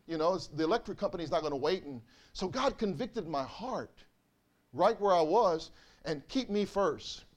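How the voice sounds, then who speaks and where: A man, a pastor, preaching to his church in a loose, conversational and emotional way, repeating himself often. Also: sits high. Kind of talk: sermon. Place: church sanctuary.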